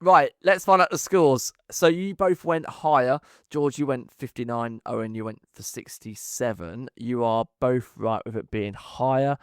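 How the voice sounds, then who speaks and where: A man's voice: mid-range voice, measured pace, hardly any pauses, clear, resonant tone, no room sound, clean studio sound. A man hosting a casual quiz chat, who says th as f and often restarts his words. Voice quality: th-fronting, says th as f. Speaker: host of a film ranking quiz podcast.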